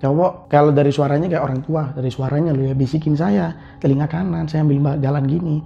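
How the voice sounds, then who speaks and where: A man who works as an online motorbike taxi driver, telling his experience in a casual, animated way, repeating himself and acting out sounds. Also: a little high, a little fast, creaky. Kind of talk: casual spoken storytelling. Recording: dull lo-fi sound with faint music.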